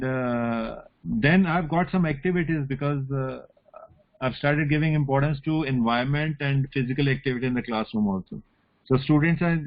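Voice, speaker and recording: Man, North Indian accent, academic lecturer, explanatory, informal, tag questions, slightly muffled call audio. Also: mid-range voice. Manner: explanatory, often adds "you know" and "right?" as tags.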